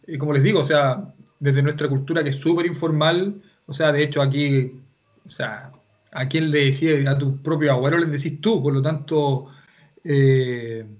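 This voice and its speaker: A man's voice: fairly high pitch, dull audio. A man from Chile with a Chilean accent, teaching an online language class and explaining at length with many restarts. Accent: Chilean Spanish.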